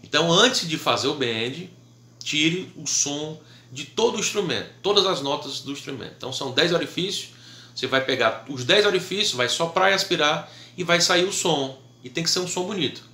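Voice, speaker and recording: A man's voice: fairly high pitch, expressive, brisk, bright, forceful tone, roomy sound. A man with a Brazilian Portuguese accent teaching a harmonica lesson in a patient, casual way, often checking in with his students.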